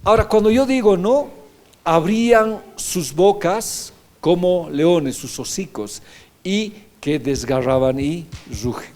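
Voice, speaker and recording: A man's voice: high voice, expressive, takes it slowly, darkish tone. A man preaching a sermon as pastor, reading scripture aloud and often asking the congregation rhetorical questions. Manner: reads scripture verses aloud.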